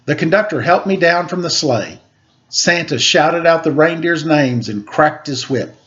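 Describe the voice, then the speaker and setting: Higher-pitched man reading a children's story. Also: animated, measured pace, fairly bright tone, lo-fi sound. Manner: acts out quoted dialogue. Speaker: storyteller reading a picture book aloud. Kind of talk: children's story read-aloud.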